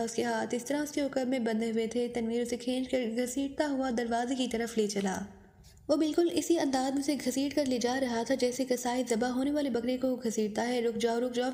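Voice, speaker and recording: High-voiced woman reading a spy novel. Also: in a large hall. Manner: reads all parts in one even voice, small stumbles. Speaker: audiobook narrator. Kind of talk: scripted novel narration with character dialogue.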